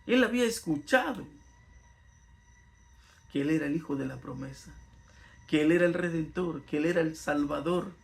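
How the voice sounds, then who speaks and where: Earnest preacher guy, pretty high voice with a gravelly edge, bible lesson sermon. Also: moderate pace, pauses often. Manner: earnest, rising and falling with emphasis. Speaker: Bible teacher.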